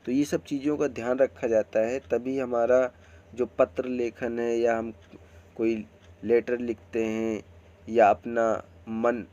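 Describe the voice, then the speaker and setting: Man with a mid-pitched voice, teaching a grammar lesson as host of his channel; slow, explanatory, friendly toward viewers. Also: warm tone, lo-fi sound.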